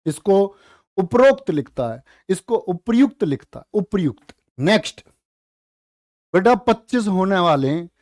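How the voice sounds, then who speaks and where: Playful, high-voiced male Hindi teacher. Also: big pitch swings, a little mellow, no echo, clean studio sound. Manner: playful, teasing, drawn-out spelling of words. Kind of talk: live online exam-prep class.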